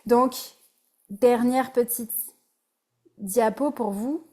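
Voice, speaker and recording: A Québécois relationship coach talks extremely slowly in a fairly high, mellow voice with a slight roughness. Her webinar presentation is informal and conversational, with English words mixed in.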